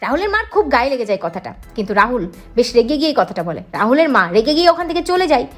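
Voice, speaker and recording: A woman narrating a quick recap of a television serial episode. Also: fairly high pitch, faint music behind. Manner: brisk, lively retelling.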